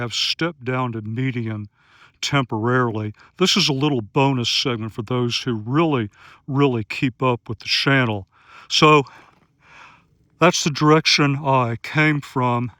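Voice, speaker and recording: A man in his sixties, a gear reviewer and search-and-rescue volunteer, narrates an outdoor field vlog on night trails in grasslands, slightly winded after running. His mid-pitched delivery is steady and methodical, with frequent pauses and "uh" fillers. The sound is dry, close, and clean, with no echo.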